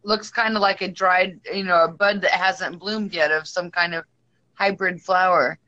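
A woman from South Dakota chatting casually, animated and quick to laugh. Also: fairly low pitch, dull audio. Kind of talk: casual chat.

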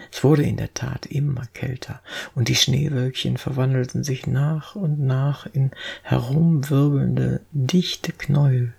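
A storybook narrator reads in a deeply gravelly, raspy voice that keeps sinking toward a breathy half-whisper. The pace is slow and unhurried, with a soft, intimate delivery. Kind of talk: audiobook storytelling.

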